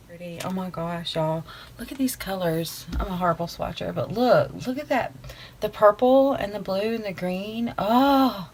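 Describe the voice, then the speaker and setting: A woman, gushing and excitable as she unboxes mail in a casual vlog, filmed on a tripod camera, first on her porch and then indoors. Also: mid-range voice, unhurried, slight background noise, low-quality recording. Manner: gushing, excitable, many fillers. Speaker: beauty vlogger.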